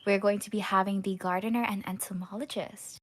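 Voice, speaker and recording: A woman's voice: mid-range voice, steady tone, brisk. A woman commentating a live online gaming tournament, walking through tactics step by step. She talks in a loose, analytical way, with plenty of "um" and "like" as she thinks aloud. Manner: analytical, explains strategy with frequent fillers. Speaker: esports caster.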